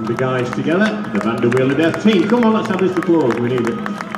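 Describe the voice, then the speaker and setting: A man's voice: mid-range voice, sing-song, a little fast. A man announcing a live stunt show like a kids show host, coaxing the crowd for applause and putting questions to the children. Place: outdoor show, over a loudspeaker system. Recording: echoey outdoor PA, far off, music and crowd. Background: music and crowd.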